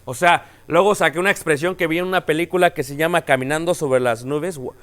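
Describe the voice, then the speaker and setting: A middle-aged man with a Latin American Spanish accent, preaching a sermon in a conversational way that rises and grows forceful when he makes a point. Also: a little high, brisk.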